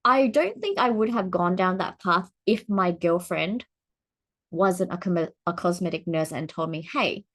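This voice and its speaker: A woman in her forties vlogs to camera at a measured pace, casual and chatty. She laughs often, and her pitch swings upward when she gets excited.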